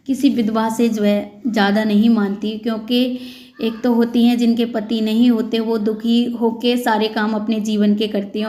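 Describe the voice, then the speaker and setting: A woman in her thirties vlogs in an earnest, plain-spoken way. Her voice sits a little high, but her intonation stays flat and even. She speaks directly to her viewers. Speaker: vlogger. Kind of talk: casual vlog talk to viewers.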